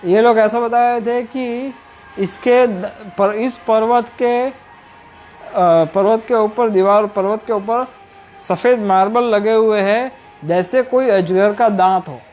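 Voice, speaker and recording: A man giving a storytelling sermon as a devotional speaker, retelling lively scenes with acted dialogue and frequent "haan" asides. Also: high voice, slow, soft background music.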